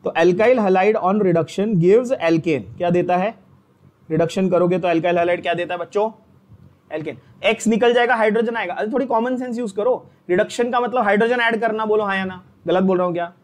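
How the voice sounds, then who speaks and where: A man teaching a chemistry exam-prep lecture, drilling students with repeated questions in an energetic, coaxing way. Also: sits high, moderate pace.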